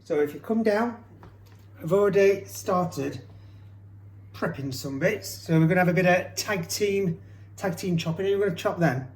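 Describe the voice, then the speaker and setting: A man's voice: high voice, moderate pace, a little mellow. Jokey man in an echoey kitchen. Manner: jokey, teasing, chatty. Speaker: cooking show co-host. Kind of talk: casual cooking demonstration. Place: home kitchen. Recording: echoey kitchen with background noise. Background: chopping sounds.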